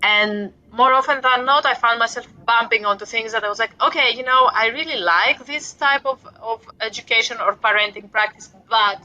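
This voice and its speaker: A Greek woman in her forties, speaking with a Greek accent, is a guest author reflecting on parenting with light self-deprecating humor in a casual interview. Her voice is fairly high, bright and forceful, at a moderate pace with few pauses, and the recording's highs are cut off.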